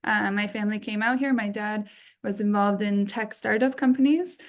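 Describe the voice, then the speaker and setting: A woman's voice: medium pitch, moderate pace. Chatty woman author, from England. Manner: warm, chatty, with frequent ums. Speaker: guest author. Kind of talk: casual interview conversation.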